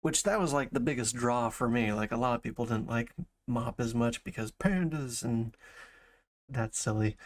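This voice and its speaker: A man's voice: mid-range voice, normal speed. A man chatting casually as a streamer reacting to a video, thinking aloud in broken, rambling phrases. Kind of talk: casual chat, reaction commentary.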